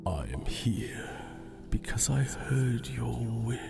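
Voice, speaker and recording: A shadowy wish-granting spirit, murmuring in a hushed, secretive whisper at a very slow, deliberate pace. His even, mid-pitched voice sits over a clear bed of music in an audio drama. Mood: sly.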